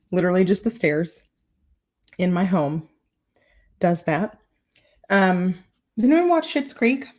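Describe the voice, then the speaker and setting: Woman, casual live-stream host, chatty, a little out of breath, fairly low voice. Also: very animated, takes it slowly, pauses often, darkish tone. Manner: chatty, playful, addresses viewers as y'all. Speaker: style vlogger hosting a live Q&A. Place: her home.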